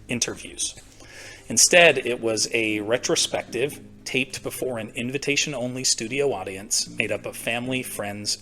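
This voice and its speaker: A middle-aged man from the United States hosting a history show, reading scripted narration in a crisp, presentational way. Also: mid-range voice, bright, forceful tone. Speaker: host of a daily history show. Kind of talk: scripted narration for online video. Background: background music.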